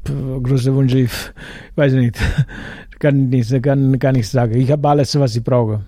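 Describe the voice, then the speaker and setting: Italian guy, very warm dark voice, stumbly german, lots of äh, dry sound. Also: mid-range voice, fairly even intonation, dry recording. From Italy. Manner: halting, broken German with many fillers. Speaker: pizza stand owner, guest. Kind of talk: casual interview chat.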